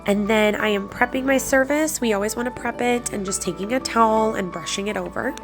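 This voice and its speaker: A woman with a breathy, slightly congested voice from a cold, narrating a craft tutorial in a chatty, encouraging way. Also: a little high, brisk. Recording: background music under the voice. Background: music.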